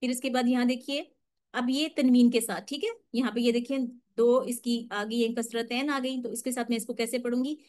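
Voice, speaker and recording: A woman gives an online tajweed lesson, likely over a video call. She explains each rule patiently, step by step, and slows right down to model drawn-out recitation. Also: on the high side, flat delivery, darkish tone. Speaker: Quran recitation teacher.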